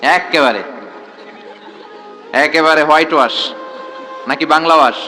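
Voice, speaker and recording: Forceful, high-voiced male preacher. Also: a little slow, faint music behind. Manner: rhetorical questions and call-and-response with the crowd. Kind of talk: sermon at a religious gathering. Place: large tent at an open-air gathering.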